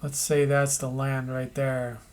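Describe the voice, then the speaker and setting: A man narrating an animation tutorial, thinking aloud as he works, with pauses and restarts. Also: medium pitch, monotone.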